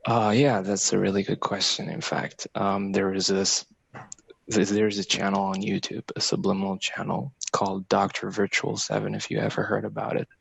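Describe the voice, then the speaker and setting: A man from Algeria calling in to a show, excited and halting, with many fillers, on dull lo-fi call audio. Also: fairly low pitch, vocal fry, breathy edge, no echo. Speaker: caller. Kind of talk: call-in conversation.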